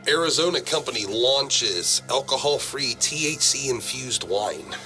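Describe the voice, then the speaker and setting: A man's voice: mid-range voice, expressive, unhurried, pushed and bright, soft background music, rough recording. A man co-hosting a casual show, reading news aloud in a laid-back way and tripping over words. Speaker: podcast co-host reading news. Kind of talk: casual chat.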